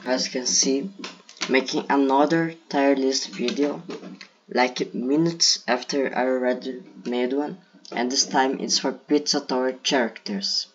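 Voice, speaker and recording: There's slight background noise behind this man's mid-range, fairly even voice, which moves a little slowly. He's a Brazilian gaming video creator, native in Portuguese and speaking accented English, hesitantly thinking aloud with fillers as he offers casual tier list commentary ranking game characters. The mic is dull and lo-fi.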